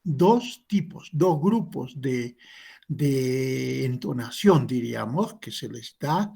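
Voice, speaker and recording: A man's voice: medium pitch, animated, slow, vocal fry, dark tone, slightly rough. A man teaching an English class, patiently explaining and modeling questions.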